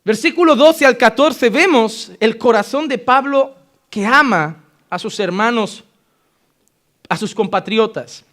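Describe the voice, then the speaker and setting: A preacher with a Spain Spanish accent gives an impassioned, animated sermon in a strikingly high voice, taking his time. He drives points home with loud emphasis before dropping into quiet, earnest stretches.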